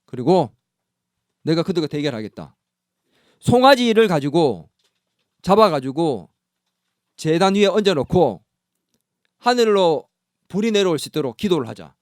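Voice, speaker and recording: A man's voice: on the high side, very animated, unhurried, long pauses, no echo, studio quality. A man preaching, voicing a bold male prophet who challenges and taunts rival priests in a raised voice. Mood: challenging.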